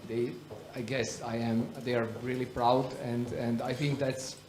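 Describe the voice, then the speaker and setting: A man answering on a conference panel, speaking haltingly with many restarts. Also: medium pitch, little pitch movement, darkish tone. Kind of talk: panel discussion. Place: conference stage. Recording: roomy hall with faint noise.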